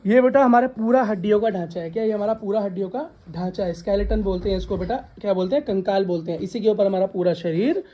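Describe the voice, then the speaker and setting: Talking fast with few pauses, a woman in a mid-range voice teaches science to a room of students, who repeat answers back at her prompting. She uses "beta" for her students and scolds the laughing ones. The audio is dull.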